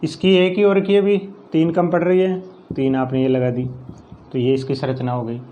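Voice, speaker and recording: A male science teacher with a Rajasthani Hindi accent gives a chemistry lesson in class, explaining each step, counting aloud and answering his own questions. His voice is fairly high pitched yet dark in tone, delivered flatly at a normal speed. The sound is lo-fi.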